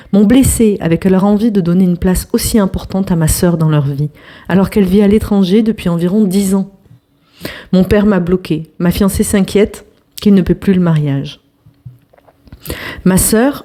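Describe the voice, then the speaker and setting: A young woman hosts a storytelling session, reading an online post aloud in a fairly low voice. Her delivery is lively, broken up by hushed asides and chatty remarks to her viewers.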